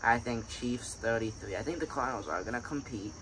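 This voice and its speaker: A man's voice: mid-range voice, brisk. A man co-hosting a casual sports chat, giving blunt, matter-of-fact football predictions. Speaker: sports podcast co-host. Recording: background noise.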